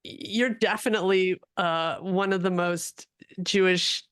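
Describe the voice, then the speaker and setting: A woman's voice: on the low side, steady tone, takes it slowly, clear, resonant tone, no room sound, clean studio sound. A woman hosting a casual interview, affirming her guest and restarting her sentences often. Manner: warm, affirming, with repeated restarts. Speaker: host.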